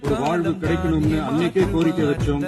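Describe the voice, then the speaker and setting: A man's voice: a little high, level tone, fast talker. A man, a politician, giving an emphatic, rhetorical political speech. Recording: speech clip with loud music behind.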